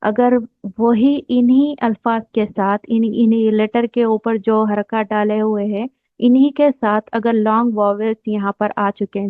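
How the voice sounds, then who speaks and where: Woman teacher going slow, repeats every term, kinda high voice, sounds like a phone line. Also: dry recording. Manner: patient, repeats terms, writes on a board. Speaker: Arabic teacher. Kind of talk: slow explanatory lesson. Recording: dry, tinny phone-like sound.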